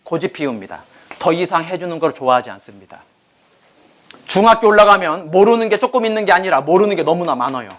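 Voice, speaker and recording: A man in his forties preaching a sermon, telling stories with lively acted-out family voices. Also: sits high, quick pace. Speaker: pastor.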